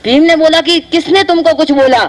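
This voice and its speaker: A woman's voice: sits high, brisk, pitched above the performer's own voice, lightly acted. A woman voicing a strong, hot-tempered young boy who threatens to hit whoever upset his mother. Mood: angry. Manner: threatening, boastful.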